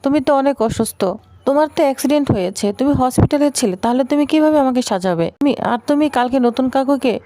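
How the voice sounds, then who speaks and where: A woman's voice: high-pitched, fast, dark tone, no echo, lightly acted. A woman voicing a blunt, dismissive young bride-to-be in a retold serial story.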